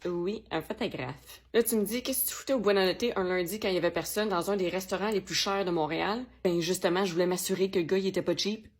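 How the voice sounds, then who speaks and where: A young woman from Quebec with a Québécois French accent, telling a story in a lively, slangy and self-mocking way for her magazine's vlog. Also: mid-range voice, fast, hardly any pauses. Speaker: magazine vlogger. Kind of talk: casual first-person storytelling.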